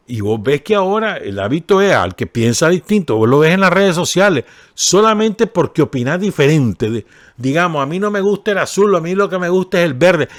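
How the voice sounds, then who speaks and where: A man's voice: fairly high pitch, no room sound, studio quality. A man with a Nicaraguan Spanish accent giving radio commentary, talking casually and checking in with his listeners as he reads and remarks on a column. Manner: conversational, asks listeners for agreement, ironic asides. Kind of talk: spoken commentary reading and discussing a column. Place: radio studio.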